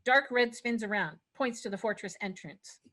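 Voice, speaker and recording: At a table read, a woman narrates the scripted stage directions in a fairly high, slightly bright voice and at a moderate pace. She sometimes stumbles over words.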